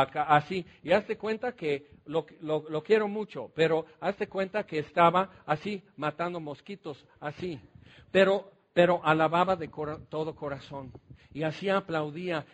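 Mexican pastor, man, high-pitched, animated anecdotal sermon style, quizzes the congregation. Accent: Mexican Spanish. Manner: animated storytelling, asks the congregation questions. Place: church.

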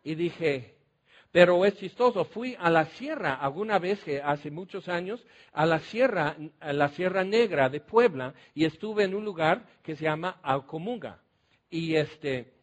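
Mexican pastor, man, high-pitched, animated anecdotal sermon style, quizzes the congregation. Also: a little slow. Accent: Mexican Spanish. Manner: animated storytelling, asks the congregation questions. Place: church.

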